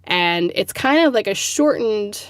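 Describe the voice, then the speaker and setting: A woman's voice: medium pitch, lively intonation, unhurried, no echo. Rambling woman podcast co-host, dry sound. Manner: rambling, lots of "like" and "um". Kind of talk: casual chat.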